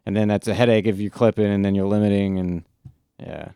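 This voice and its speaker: A laid-back man with a fairly low, smooth and resonant voice, recorded dry and close in a home studio. He rambles casually, full of fillers and swearing, as he chats with his live-stream viewers. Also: little pitch movement, a little fast, dark tone, no echo. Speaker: music streamer.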